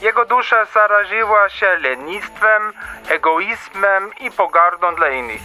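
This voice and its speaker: An old Santa Claus, jolly but stern, speaks in a radio play. The voice is very sharp and bright, fairly high for a man, over faint music. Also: lively intonation, a little slow, heavily acted, rough recording. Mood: serious, fatherly.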